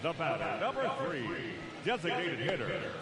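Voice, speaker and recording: A man voicing a ballpark public address announcer whose slow, formal announcements come over the stadium loudspeaker. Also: a little high, huge pitch swings, heavy background noise. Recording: loudspeaker from afar over loud crowd.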